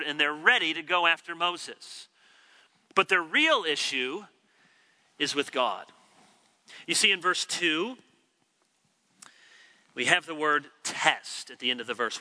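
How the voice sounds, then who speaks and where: A man's voice: a little high, sharp tone. A man preaching an expository sermon, teacherly, who acts out the quoted complaints from scripture. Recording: long hall reverb.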